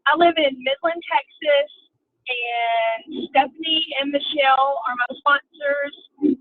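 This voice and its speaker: A woman joining a group video call on a car speakerphone while driving, giving a quick, hurried casual introduction. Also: sits high, dry recording. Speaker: new team member on a group video call. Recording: tinny phone-line sound, dry.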